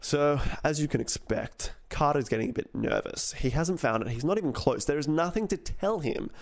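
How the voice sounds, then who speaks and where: A man's voice: on the high side, animated, moderate pace, gravelly. A man, co-hosting a podcast and casually retelling a history story, acting out quotes along the way. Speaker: podcast co-host.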